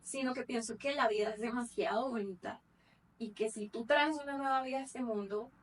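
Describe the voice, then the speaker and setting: A woman's voice: fairly high pitch, brisk, distant mic. A woman in her thirties co-hosting a podcast, talking in a reflective, earnest way and correcting herself as she goes. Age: 30s. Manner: reflective, earnest, talks at length with self-corrections. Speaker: podcast co-host. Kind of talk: casual chat.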